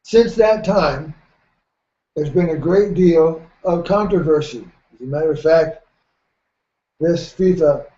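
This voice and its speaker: Man, middle-aged, mellow voice, folksy sports talk host, roomy dull lo-fi recording. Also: on the high side. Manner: measured, folksy, clears throat often. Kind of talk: radio talk show commentary.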